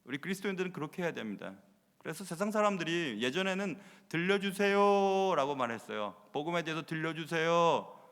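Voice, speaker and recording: A man preaching a live sermon in a large church sanctuary, his voice lively and ranging far up and down. He acts out quoted speech with sudden loud bursts and drops in short English phrases. The sound rings with long hall reverb. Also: a little high, brisk, smooth. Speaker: pastor.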